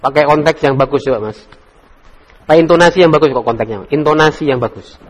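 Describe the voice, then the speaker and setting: A man teaching Arabic grammar in a casual classroom lesson, relaxed and joking as he coaxes students by name. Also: a little high, quick pace. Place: study circle classroom.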